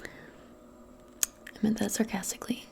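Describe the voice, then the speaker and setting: Whispering breathily and slowly, a woman performs soft-spoken ASMR personal attention role play as a modern witch. Her manner is gentle, soothing, unhurried and conversational.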